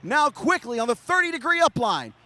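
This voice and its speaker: A man giving excited live air show commentary with punchy emphasis, hyping up the crowd as announcer. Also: very high voice, brisk.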